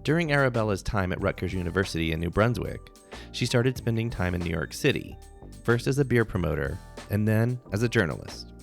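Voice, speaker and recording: A man hosting a podcast, introducing a guest in measured narration and then interviewing her with brief murmured acknowledgments. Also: on the low side, lively intonation, creaky, soft background music. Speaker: podcast host.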